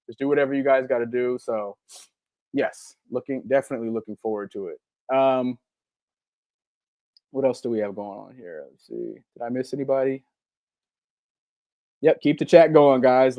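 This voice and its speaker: A man in his forties with a Southern US accent, co-hosting a live podcast in relaxed, rambling casual chat with many filler ums. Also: medium pitch, normal speed, pauses often, dry recording. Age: 40s. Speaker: podcast co-host.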